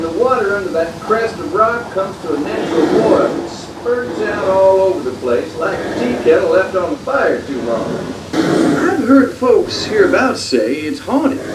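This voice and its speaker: A man playing a folksy old-time riverboat pilot who narrates a ride with a drawling, wry storyteller's manner. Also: high voice. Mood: commanding, folksy. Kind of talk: theme park ride narration. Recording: echoey distant boat loudspeaker, clear noise.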